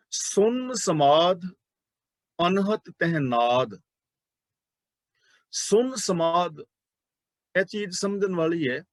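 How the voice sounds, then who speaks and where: A man teaching a religious class, explaining sacred terms slowly and speaking directly to his listeners, often repeating key words. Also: fairly high pitch, no echo. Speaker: Sikh scripture teacher.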